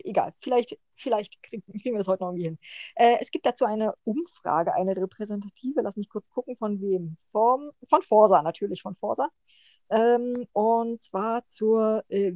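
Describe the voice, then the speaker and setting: A woman's voice: mid-range voice, warm tone, no room sound. A woman from the northern German coast co-hosting a podcast, chatty and full of hesitant fillers. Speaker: podcast co-host. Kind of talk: casual podcast discussion.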